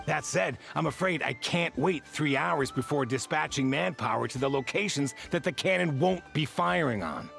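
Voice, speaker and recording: An actor voicing a calm, reserved male watchman in a video game, speaking in a measured way. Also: on the high side, vocal fry, soft background music.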